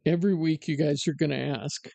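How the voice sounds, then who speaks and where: Guy hosting a live show, gravelly kinda higher voice, sarcastic rant, dry sound. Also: fairly quick, no echo. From United States. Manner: animated, sarcastic ranting with fillers. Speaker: podcast host. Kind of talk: casual live-stream chat.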